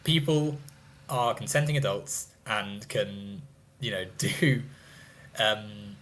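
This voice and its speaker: A man's voice: on the low side, takes it slowly, a bit bright. A man in his twenties in a casual debate, talking in a rambling, hedging way with frequent laughs. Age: 20s. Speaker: guest.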